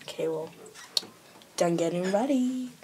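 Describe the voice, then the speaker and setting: A woman's voice: on the low side, expressive, measured pace. A teenage girl chatting casually to camera in a home vlog, rambling with lots of fillers. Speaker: vlogger. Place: home bedroom. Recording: noisy home recording, dogs barking. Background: dogs barking.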